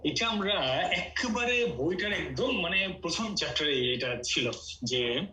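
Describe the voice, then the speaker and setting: A man's voice: high voice, animated, measured pace, bright, forceful tone, low-quality recording. A man from Bangladesh teaching an online Quran Arabic class, explaining step by step and mixing in English.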